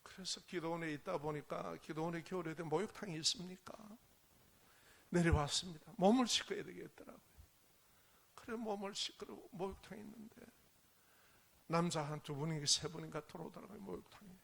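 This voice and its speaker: Gravelly, dramatic preacher man. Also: fairly high pitch, brisk. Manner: dramatic storytelling, swinging from hushed whispers to loud bursts. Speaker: pastor. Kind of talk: sermon with personal testimony.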